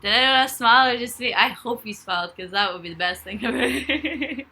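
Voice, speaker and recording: A young Irish woman livestreams from her bed, rambling casually and reading viewers' comments aloud in her bedroom. Her voice is fairly high, brisk, pushed and bright.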